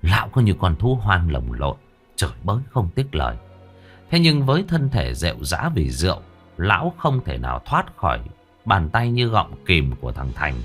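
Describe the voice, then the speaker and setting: A man narrating a ghost story in a dramatic, expressive way. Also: sits low, normal speed, breathy edge, soft background music.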